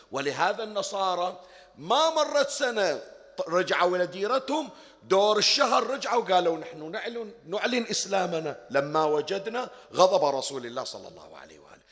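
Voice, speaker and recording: A man preaches a sermon, his voice pitched high and rising and falling with wide animation. He moves from loud emphatic declaiming to quiet asides. A long reverb from a large hall trails his words. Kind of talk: religious sermon.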